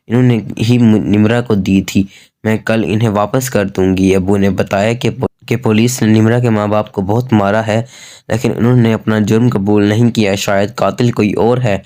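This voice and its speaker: A man tells a dramatic story in the first person, reading it out at an even, measured pace. His voice sits a little low, and his delivery stays steady from line to line.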